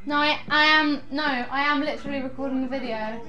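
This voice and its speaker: A young woman vlogging to her camera, rambling excitedly and giggling as she chats. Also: sits high, fairly quick, lo-fi sound, faint music behind. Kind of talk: casual chatty vlog.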